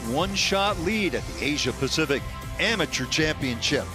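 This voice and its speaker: A man giving live golf commentary as a broadcast host, with polished, measured announcing. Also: a little high, lively intonation, over music.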